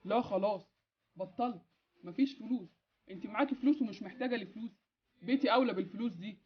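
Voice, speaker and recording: Woman playing an Egyptian husband, very fast talker. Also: medium pitch, highs cut off, natural voice. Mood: curt. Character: good-hearted husband, decisive and easily persuaded. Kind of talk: amateur game-animation story acting.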